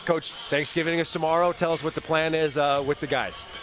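Higher-voiced man interviewer. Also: fairly even intonation, fairly quick, over music. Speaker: radio play-by-play host. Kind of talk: postgame interview.

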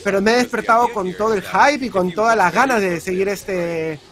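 Peruvian male stream commentator, high-pitched, upbeat and chatty, casual live banter. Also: normal speed, a bit bright. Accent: Peruvian Spanish. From Peru. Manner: chatty, upbeat, filler-heavy. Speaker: speedrun commentator.

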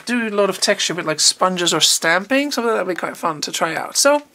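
Female art teacher, casual unboxing chat, clear bright voice, enthusiastic and thinking aloud. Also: on the low side, animated, normal speed.

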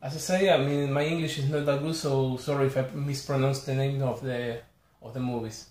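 With a steady, darkish mid-range voice, an Argentine man talks casually into the camera about a collector's haul. Titles come one by one, delivered haltingly and with apologies. He is a native Spanish speaker with an Argentine Spanish accent, and the small bedroom he's in is echoey.

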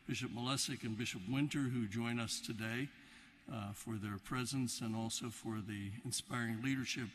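An older cleric, a man, giving a formal welcome in a halting way with frequent uhs, in a reverberant basilica. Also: mid-range voice, a bit bright. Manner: halting, frequent uh between phrases. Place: large stone basilica, at the ambo. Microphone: lectern microphone. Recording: reverberant basilica, faint noise.

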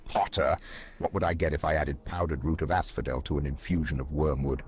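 An actor playing a stern, coldly sarcastic potions professor in a fantasy film parody. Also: male voice, very deep voice, steady tone, a little fast, slight background noise. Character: stern, menacing male potions professor obsessed with bodybuilding.

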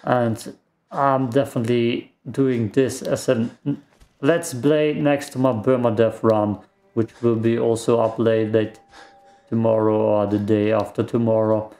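Medium-pitched and mellow, this German-native man comments a little slowly with fairly even intonation during a let's play. He rambles, reacts out loud to the game, and makes self-deprecating jokes into a desk microphone at his home setup.

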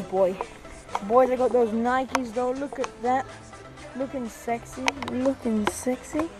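Hyper casual vlogger woman, kinda high voice, cusses a lot, repeats stuff, music going in the background. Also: low-quality recording. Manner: excitable, profane, repeats phrases. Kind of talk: casual handheld vlog. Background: music playing.

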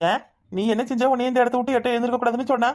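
A calm village father who reasons patiently with his family, as a woman voices him. He speaks with a Tirunelveli Tamil accent. His voice sits fairly high, and he talks at a brisk pace. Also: natural voice. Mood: gentle. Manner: soothing, reasoning. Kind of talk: cartoon voice acting.

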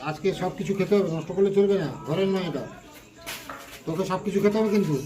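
A man's voice: sits high, fast. A man filming a casual family travel vlog, chatting, teasing his relatives and breaking into song, first on a beach at night and then at dinner. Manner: chatty, teasing family members, bursts of singing. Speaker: vlogger.

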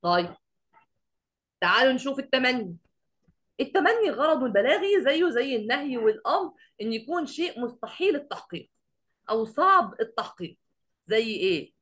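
Egyptian woman teacher, slightly high voice. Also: sing-song, a bit bright. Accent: Egyptian Arabic. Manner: quizzes the class often, recites verses slowly. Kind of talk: online class lecture.

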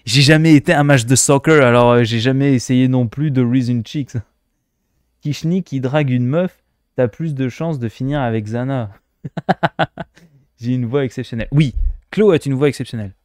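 A playful man from France streams a game, joking and laughing as he comments. His voice sits at a middle pitch, recorded close and dry with no room sound. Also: normal speed, darkish tone, no room sound. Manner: playful, laughing, mimics accents. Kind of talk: casual gameplay commentary.

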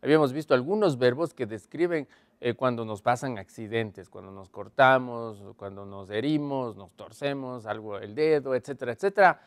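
A man teaching a televised English lesson, explaining patiently, checking in with his viewers and slowly drawing out model phrases. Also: medium pitch, no echo.

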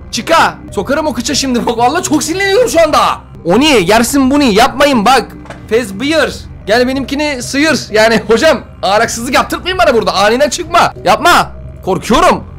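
A man's voice: very high-pitched, a bit bright. A young man giving slangy, jittery commentary while playing a horror game, often yelping and laughing when scared. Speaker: gameplay streamer.

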